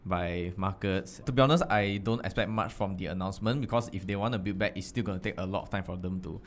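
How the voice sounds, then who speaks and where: A man with a Singaporean accent gives a casual explanation in a low voice. His delivery is informal and halting, with "lah" closing many phrases. There is faint background noise. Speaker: panelist.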